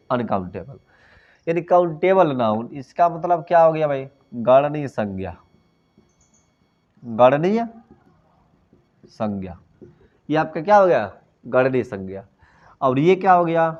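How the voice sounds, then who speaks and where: A male teacher with a Bhojpuri-tinged Hindi accent, giving a classroom grammar lecture. He asks questions and then answers them himself, and he mixes English phrases into his talk. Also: medium pitch. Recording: dull lo-fi classroom recording.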